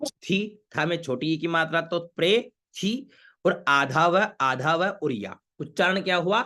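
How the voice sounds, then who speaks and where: A man's voice: a little high, lively intonation, unhurried, sharp tone. A man teaching an online class on reciting Vedic mantras. He spells out each word syllable by syllable and repeats it patiently for his students. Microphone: camera facing the viewer.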